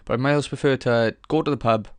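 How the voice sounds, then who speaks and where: A man's voice: medium pitch, steady tone, fast, no echo. A young man hosting a casual solo podcast, rambling frankly with lots of swearing, fillers and restarts as he thinks aloud. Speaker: podcast host.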